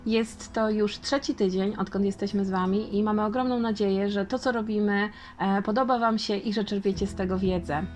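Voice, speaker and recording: A woman's voice: medium pitch, steady tone, darkish tone, faint music behind. Polish woman teaching English grammar. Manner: clear, measured explanation with slow, careful example words. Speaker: language school owner and English teacher. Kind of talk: online grammar lesson.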